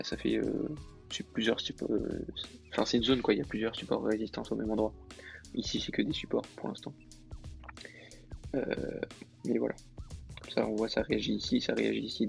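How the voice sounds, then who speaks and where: A man's voice: mid-range voice, gravelly. A man explaining a trading lesson in a casual, hesitant way, with many fillers and self-corrections. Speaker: trading tutor. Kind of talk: casual screen-recorded lesson.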